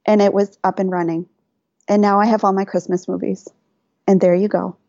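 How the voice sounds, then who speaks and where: Woman telling a story, mellow and dull. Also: medium pitch, a little fast, gravelly, no echo. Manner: animated, laughs often, quotes herself and others. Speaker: podcast guest. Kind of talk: casual storytelling.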